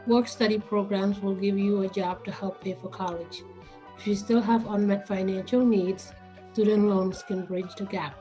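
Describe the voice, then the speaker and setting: A woman announcer reading a scripted informational message in a clear, instructive way. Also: medium pitch, steady tone, moderate pace, muffled recording. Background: soft music.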